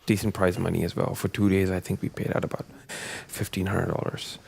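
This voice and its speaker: A man's voice: deep voice, level tone, brisk, creaky, slightly rough. A man giving casual, hesitant snooker commentary with many fillers, also chatting about running events. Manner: hesitant, filler-heavy, soft-spoken. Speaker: guest commentator.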